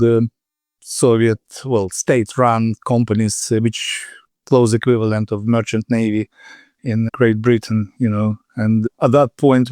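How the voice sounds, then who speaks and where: A man in his fifties from Ukraine with a Ukrainian accent, a podcast guest telling his story casually with pauses and fillers. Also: medium pitch, dark tone, smooth, no room sound. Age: 50s. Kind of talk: casual interview over a call.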